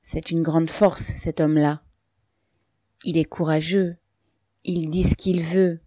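A woman voicing a thoughtful, quiet bearded male peasant who speaks low and pensively, read from a storybook. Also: flat delivery, slow, dry recording, studio quality.

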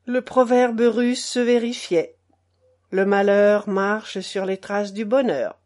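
A woman reading a novel aloud as an audiobook narrator, measured and expressive. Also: medium pitch.

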